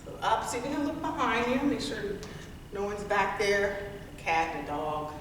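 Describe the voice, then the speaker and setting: A woman's voice: mid-range voice, sing-song, moderate pace, a bit bright. A woman leading a workout class, counting down and giving cues in an encouraging, playful way. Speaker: group fitness instructor. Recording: echoey hall, distant mic, faint noise.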